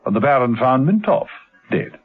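A man's voice: mid-range voice, very animated, moderate pace, breathy edge, narrow, tinny audio. A man giving wry scripted narration for an old radio serial, on a vintage recording. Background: loud music.

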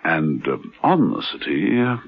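An actor playing a suave, unflappable, teasing gentleman secret agent in a radio drama, on a lo-fi recording. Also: extremely low pitch, very animated, a little slow, heavily acted. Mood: teasing, composed.

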